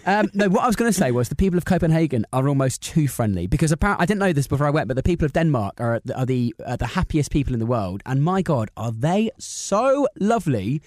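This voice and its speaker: A quick-talking Englishman co-hosting a podcast, his pitch swinging all over as he tells an animated story. He sits fairly high for a man, and the sound is close and dry with no room around it. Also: no room sound. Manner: animated storyteller, laughs often. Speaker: podcast co-host. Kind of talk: casual chat.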